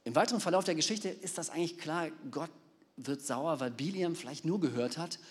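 A man preaching a sermon, retelling a story in a lively, animated way. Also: a little high, brisk. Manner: animated, acts out the characters. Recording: long reverb of a large hall.

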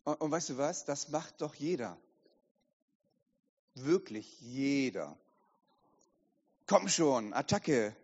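Man doing a sly male tempter voice, hushed, low, echoey hall, dull sound. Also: sing-song, unhurried, breathy edge, heavily acted. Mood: coaxing. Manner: coaxing, then scolding, hushed and low.

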